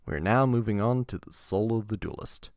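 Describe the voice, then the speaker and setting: A man's voice: fairly low pitch, normal speed, a little mellow, no echo, studio quality. A man casually reviewing trading cards, reading the card text aloud with wry asides and laughing his way through it.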